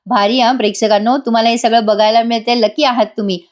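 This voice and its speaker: A woman's voice: fairly high pitch, steady tone, fast talker. Chatty woman recapping a serial. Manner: chatty, addresses viewers directly. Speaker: TV serial review narrator. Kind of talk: chatty episode recap voice-over. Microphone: voice-over recording.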